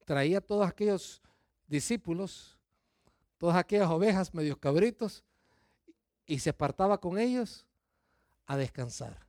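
A middle-aged man preaching a sermon, lively, firing questions at the congregation and acting out their excuses. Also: sits high, unhurried, pauses often, no room sound, clean studio sound. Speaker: pastor.

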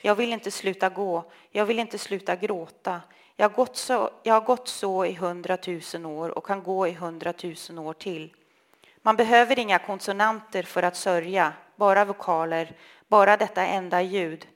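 A woman reading a literary text aloud in a slow, measured, intimate way. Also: mid-range voice. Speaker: reader.

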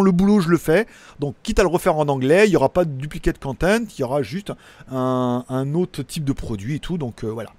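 A man's voice: fairly high pitch, no room sound. A man from Lyon hosting a casual tech live stream, rambling through viewer comments with crude slang and lots of fillers. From Lyon, France. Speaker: tech channel host.

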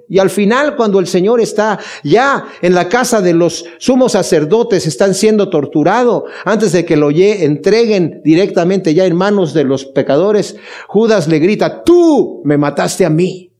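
Leading a Bible study, a male pastor preaches with a mellow, fairly high voice. He is earnest and emphatic, drives his point home with rhetorical questions, and speaks to his congregation with affection.

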